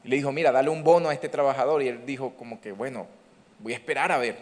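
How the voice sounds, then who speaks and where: A man's voice: mid-range voice, fairly even intonation, fast talker. A man preaching a sermon as pastor, calling out emphatically to his congregation. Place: church hall. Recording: church hall reverb.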